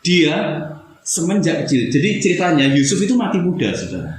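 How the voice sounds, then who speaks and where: A man's voice: a little high, very animated, a little fast. Man preaching in a very echoey room. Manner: conversational preaching, often adding a tag question to the listeners. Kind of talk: sermon. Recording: very echoey room with faint noise.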